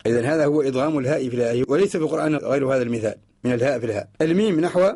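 A man with a Mauritanian Arabic accent giving a radio lesson, slowly recites each example and repeats it word by word to explain it. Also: mid-range voice, dark tone. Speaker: teacher of Quranic orthography. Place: radio studio.

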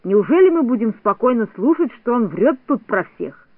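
A man's voice: extremely high pitch, sing-song, moderate pace, no room sound, exaggerated voice. A man voicing a fussy little doctor who protests in a grave, offended tone. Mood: indignant. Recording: tinny phone-like dry sound.

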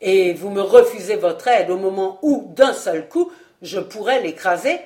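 A woman voicing a scheming nobleman who commands his servants, speaking slowly and weighing each word, pitched lower than her own voice. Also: expressive, a little mellow, lightly acted. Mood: desperate, heated.

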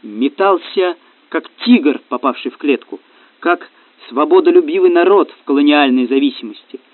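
Brief: male audiobook narrator, fairly high voice, dry tinny phone-like recording. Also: moderate pace, no room sound. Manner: steady storytelling, slips into character voices. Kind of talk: scripted narration.

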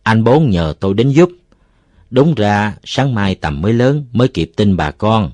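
A man voicing a cheerful middle-aged farmer who speaks to his neighbors loudly and courteously, in a folksy way. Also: fairly low pitch, animated, unhurried, no echo. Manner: loud, courteous, folksy speech.

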